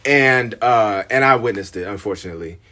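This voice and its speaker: A man, a podcast host, telling a personal story in a halting, subdued way with many fillers and restarts. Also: fairly low pitch, bright, forceful tone. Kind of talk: casual podcast conversation.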